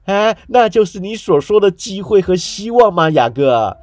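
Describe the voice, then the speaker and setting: A man's voice: high voice, lively intonation, a little slow, a little mellow, no room sound, pitched above the performer's own voice. A man voicing a frightened old male miser who pleads in a shaky, raised voice, stammering. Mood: frightened pleading.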